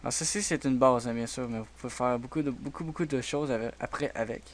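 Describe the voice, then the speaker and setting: A man with a Québécois French accent hosting a software tutorial, talking quietly and hesitantly with many fillers. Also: medium pitch, fast talker, slight background noise. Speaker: tutorial host. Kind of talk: screen-recorded software tutorial.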